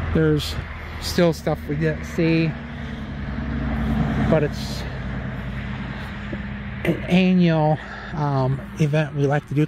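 A man's voice: on the high side, noisy background. A middle-aged man casually narrating a walk through an outdoor haunted farm at night, reading the signs aloud with dry jokes, into a handheld phone. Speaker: vlog host.

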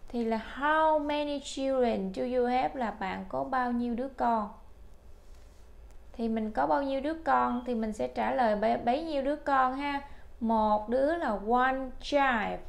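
Slow, gravelly-voiced woman teacher. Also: high voice. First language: Vietnamese. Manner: slow, careful spelled-out English drills. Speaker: English teacher. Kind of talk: language lesson for older learners.

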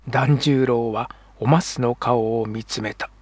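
A man reads historical fiction aloud as an audiobook narrator, in a calm and measured way. His voice is husky and sits at a low pitch. The recording is dry and close to the mic. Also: no room sound.

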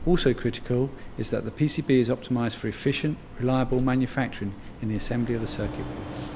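A man reading a scripted corporate voice-over in a measured, even delivery. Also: mid-range voice, slight background noise. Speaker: company narrator.

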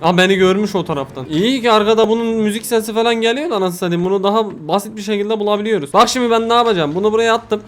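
High-voiced guy doing let's play commentary, talks super fast, yells at the game characters and swears a lot. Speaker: gaming video host.

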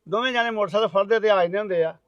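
A man's voice: sits high, very fast, no echo, lo-fi sound, close to an everyday voice. An actor playing a stubborn, short-tempered middle-aged husband who scolds his wife. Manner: bossy, scolding.

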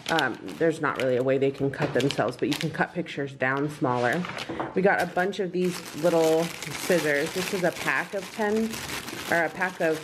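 Woman vlogger, thirties, lowish voice, rambling home chat, noisy background. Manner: chatty, rambling, practical. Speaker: family vlogger. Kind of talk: casual home vlog, showing cooking and a craft haul. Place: home kitchen and dining table.

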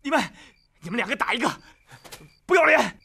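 An actor playing a proud, hot-tempered young country lad who shouts defiantly in a dubbed martial arts film. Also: male voice, lively intonation, racing, slightly rough, full character voice. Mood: angry. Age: young adult. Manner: shouting defiantly, voice straining high. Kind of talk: dubbed wuxia film acting.

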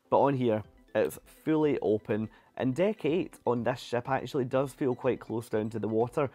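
A man's voice: medium pitch, darkish tone. A young man narrating a cruise ship tour in a chatty, enthusiastic way, often repeating words for emphasis.

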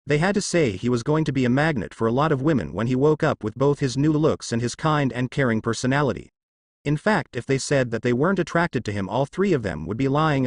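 A man reading fan fiction aloud, describing scenes in detail. His pitch rises and falls in a lively way, in the middle range for a man. The recording is dry and close to the mic. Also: no echo. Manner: descriptive, storytelling. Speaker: narrator.

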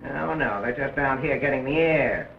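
An actor playing a sly, calm male gangster who talks in wry tough-guy slang, in an early talkie film. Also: medium pitch, normal speed, creaky, dull audio, slight background noise, lightly acted. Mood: wary. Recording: roomy distant early film sound.

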